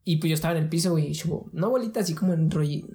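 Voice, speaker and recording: A man's voice: a little high, rapid-fire, mellow. A man with a Mexican accent casually telling a story from his childhood in slangy, rambling chat, dropping fillers into every phrase.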